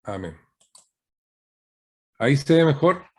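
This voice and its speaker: A man's voice: mid-range voice, very animated, takes it slowly, darkish tone, husky. A man, a guest pastor, preaching a teaching sermon over a video call, asking rhetorical questions and often ending points with a questioning tag.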